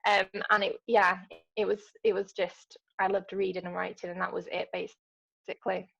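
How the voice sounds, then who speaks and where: A woman from London chats as a podcast guest, her voice gravelly with a touch of fry. She talks hesitantly, restarting sentences and filling pauses with ums. The sound is dull and lo-fi, as if recorded over a call. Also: mid-range voice, level tone, fairly bright tone. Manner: hesitant, many ums and restarts, laughs easily. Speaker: podcast guest, ultra runner. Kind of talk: casual interview chat.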